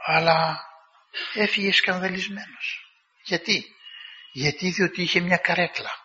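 A man's voice: sits high, sharp tone, a little hiss or hum. A man preaching a sermon, telling stories vividly and acting out the quoted dialogue in a raised voice. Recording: dull recording with long hall reverb.

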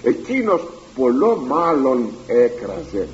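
A man's voice: medium pitch, big pitch swings, a little mellow. A man preaching a sermon in formal, old-fashioned church diction, dramatic and full of rhetorical questions. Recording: dull lo-fi recording.

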